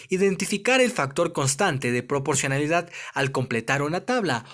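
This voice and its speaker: A male teacher walks pupils through a lesson summary, leaning hard on the key words. His voice sits a little high and swings widely in pitch, which keeps the explanation animated. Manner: clear didactic explaining, stressing key words. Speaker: primary school teacher.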